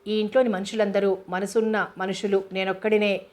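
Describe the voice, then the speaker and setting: A woman's voice: mid-range voice, level tone, brisk, a little mellow, close to an everyday voice. A woman voicing a remorseful young man who apologizes and pleads with his elder sister, read in an audiobook. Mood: pleading. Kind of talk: audiobook character reading.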